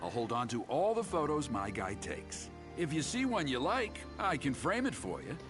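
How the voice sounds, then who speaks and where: A helpful male shopkeeper from a video game, offering his services in a fairly high, lively voice. Clear music plays under him in the game audio. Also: normal speed.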